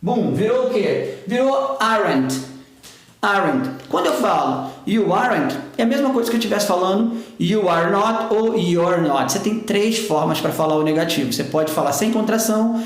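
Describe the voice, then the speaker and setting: A Brazilian man teaching English grammar in a chatty way, often checking in with his students as he writes on a board. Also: on the high side. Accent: Brazilian Portuguese. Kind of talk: explaining grammar at a whiteboard. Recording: echoey room.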